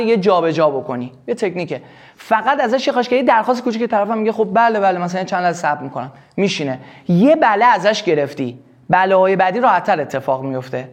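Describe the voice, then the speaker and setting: A man teaching a live sales workshop, explaining with quick acted examples. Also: high voice. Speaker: sales trainer.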